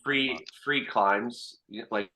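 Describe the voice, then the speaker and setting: A young man in casual podcast talk with his brothers, thinking out loud with many restarts. His voice is bright and forward at a middle pitch. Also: takes it slowly, a little hiss or hum, low-quality recording. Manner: rambling, hesitant, laughs along. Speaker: podcast co-host. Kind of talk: casual chat among brothers.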